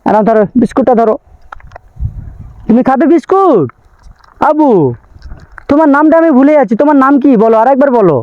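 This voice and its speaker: A man's voice: extremely high pitch, animated, a little fast, long pauses, dry recording, phone-quality sound. A man vlogging, playfully coaxing and teasing small children in a sing-song way, then signing off to his viewers. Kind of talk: casual vlog talk to children and viewers.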